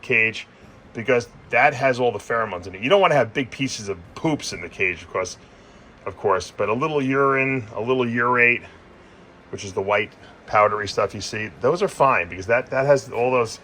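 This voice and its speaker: A man's voice: medium pitch, normal speed, pushed and bright, slight background noise. A man giving a casual, informal explainer as host of a reptile breeding vlog, talking directly to his viewers. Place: indoor snake breeding facility.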